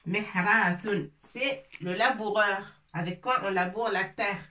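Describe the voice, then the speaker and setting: A woman teaching Arabic letters and words, slowly spelling them out and repeating each word. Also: medium pitch, sharp tone, distant mic. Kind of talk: whiteboard lesson.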